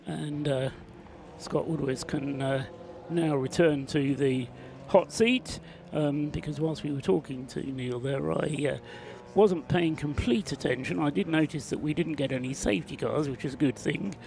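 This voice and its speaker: A man's voice: on the high side, moderate pace, creaky, darkish tone, slight background noise. A man commentating on a live race broadcast and interviewing guests, chatty and full of hesitant fillers.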